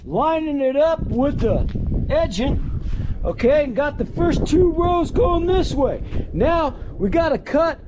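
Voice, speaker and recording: A man's voice: extremely high pitch, lively intonation, takes it slowly, background noise. A man hosting a casual on-site how-to, talking loosely as he works in a backyard and often saying "pretty much" and "okay?". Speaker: contractor host. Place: outdoor backyard work site.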